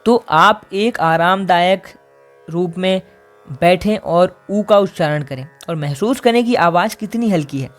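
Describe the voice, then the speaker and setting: Guy teaching singing warmups, calm and patient, goes step by step, a bit of music playing low behind him. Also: a little slow. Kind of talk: vocal lesson with demonstrations.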